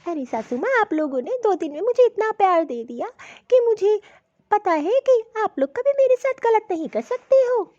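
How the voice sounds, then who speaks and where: A woman's voice: extremely high pitch, big pitch swings, moderate pace, mellow, dull audio. A woman voicing a cheerful young newlywed bride who speaks earnestly about her new in-laws. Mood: fervent. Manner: earnest, emphatic.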